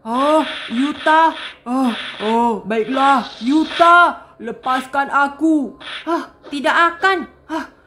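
Excitable woman narrating a game. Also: sits high, takes it slowly, a little hiss or hum. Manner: excited, addresses viewers as friends. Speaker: game role-play creator. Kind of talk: narrating and voicing a game role-play.

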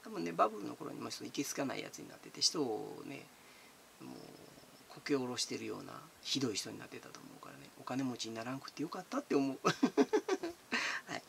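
A man's voice: medium pitch, expressive, fast talker, creaky, a bit bright, slight background noise. A man, chatting casually as he answers viewer comments, giggly and talkative, calling himself by his nickname. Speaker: channel host.

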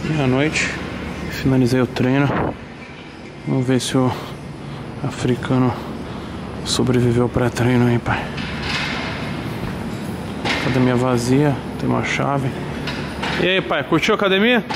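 Loud hyped São gym vlogger. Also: male voice, medium pitch, unhurried, gravelly, pauses often, background noise. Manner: loud hyped slangy, calls everyone pai. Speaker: vlogger host. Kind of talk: casual gym vlog. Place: gym at night.

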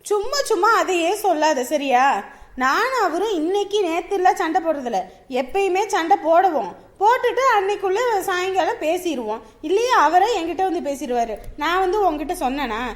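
An actress playing a sister-in-law who scolds and explains at length in a reproachful tone. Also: female voice, fairly high pitch, brisk, natural voice. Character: sister-in-law, stern and lecturing.

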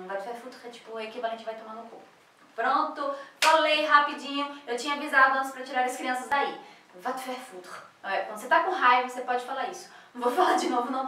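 A woman's voice: sits high, a bit bright, far from the mic. Chatty Brazilian woman teaching French, echoey. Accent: Brazilian Portuguese. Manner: chatty, laughs often, reads French phrases slowly. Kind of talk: casual online language lesson.

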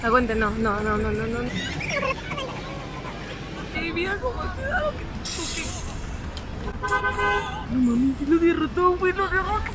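A woman's voice: high voice, sing-song, measured pace, pauses often. A young woman with a Mexican Spanish accent reacts to an anime episode on a busy street, chattering in profane slang and shrieking strings of "no" at tense moments. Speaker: reaction vlogger. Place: busy outdoor street fair. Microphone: earphone headset mic. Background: crowd noise and loud music.

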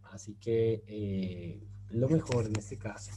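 A man's voice: lowish voice, mellow, a little hiss or hum. A man teaching a beginner Turkish lesson, repeating example phrases and asking his students rhetorical questions. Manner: explains patiently, repeats example phrases slowly; asks rhetorical questions to the class. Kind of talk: slide-based language lesson.

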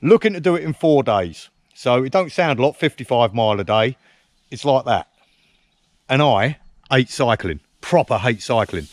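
At an outdoor woodland camp, an Englishman who vlogs about camping chats casually to a nearby tripod-mounted camera, teasing his friend and poking dry fun at himself. His medium-pitched voice is expressive at a moderate pace, with dry sound and no echo.

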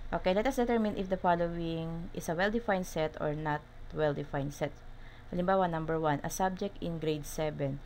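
A woman's voice: deep voice, brisk, darkish tone, slight background noise. A woman with a Filipino accent teaching a recorded math lesson, instructive, switching between English and Tagalog midsentence and checking in with little tag questions.

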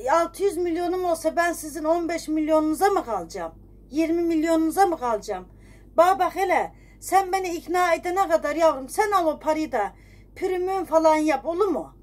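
A middle-aged woman with a very high, piercing voice, holding a humorous one-sided phone conversation. She talks in a folksy way, scolding and stacking up rhetorical complaints. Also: expressive, fairly quick. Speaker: phone call recipient refusing a credit card offer.

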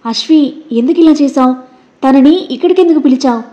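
A woman's voice: high-pitched, fast talker, mellow, close to an everyday voice. A woman voicing a young man, a protective older brother, who speaks urgently and with hurt in a read-aloud audio story. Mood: hurt, pleading.

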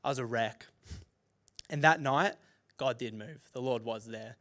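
Animated Australian pastor, bright voice. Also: male voice, mid-range voice, a little slow. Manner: animated, laughing, acts out dialogue. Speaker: youth pastor. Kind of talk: storytelling sermon. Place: church auditorium.

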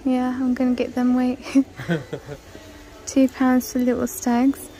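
A woman's voice: sits high, slow, warm tone, poor audio. Chatty woman touring a shop. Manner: chatty, listing prices, easily delighted. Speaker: shopping vlogger. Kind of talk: casual shop-with-me walkthrough. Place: large indoor retail store. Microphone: handheld phone camera.

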